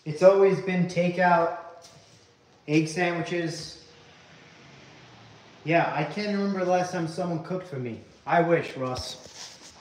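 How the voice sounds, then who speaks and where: The audio is poor, with slight background noise, as a young Hungarian man livestreams from a house under renovation on a phone held at arm's length. His voice is a little high and slow, with long pauses, while he chats casually, reads comments aloud, and uses "guys" often.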